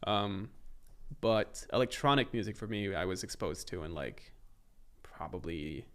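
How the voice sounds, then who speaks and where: A man's voice: low-pitched, animated, a little slow, a bit bright. A Norwegian man speaking English with a Norwegian accent, a singer guest on a podcast who talks in an easygoing, joking way. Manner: easygoing, joking, explains things at length. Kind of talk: casual interview chat.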